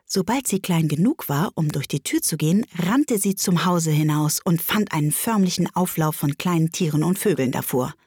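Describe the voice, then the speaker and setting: A woman narrating a storybook with an expressive, lively reading. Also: low voice, moderate pace, hardly any pauses, slightly rough, dry recording, clean studio sound.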